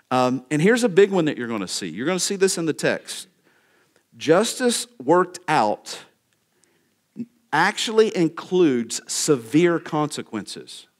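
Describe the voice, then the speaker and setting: Pastor guy preaching, mid pitch, keeps asking okay? and counting off points. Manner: emphatic, lists numbered points, often checks in with "okay?". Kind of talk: sermon.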